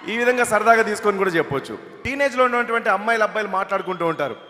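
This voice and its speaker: Fast, bright stand-up mimic man. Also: high-pitched, slight background noise. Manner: animated storytelling. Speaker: comedian and mimicry artist. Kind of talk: stand-up comedy on stage. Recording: reverberant event hall.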